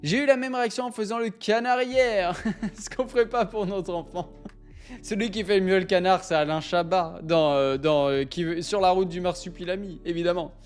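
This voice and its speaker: A young man hosting a live stream, chatting casually with viewers in an excitable, rambling way, often interrupting himself. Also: high voice, normal speed, smooth, soft background music. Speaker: livestream host.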